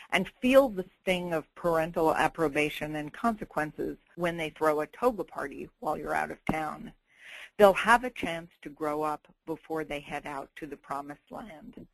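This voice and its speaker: A middle-aged woman giving a wry, expressive sermon-style talk, acting out quoted voices. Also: deep voice, no echo, poor audio. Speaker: speaker giving a Torah talk.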